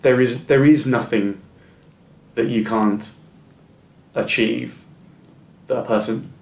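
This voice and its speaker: Speaking slowly and steadily, a middle-aged interview guest has a mid-range, darkish voice with vocal fry. He reflects earnestly and encourages the listener, though he stammers, repeating words and restarting. Behind him is an echoey room with faint music.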